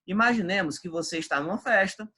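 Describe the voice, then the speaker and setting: A man's voice: high voice, quick pace, sharp tone, slightly rough. A male Portuguese teacher, giving an emphatic, chatty exam-prep video lesson.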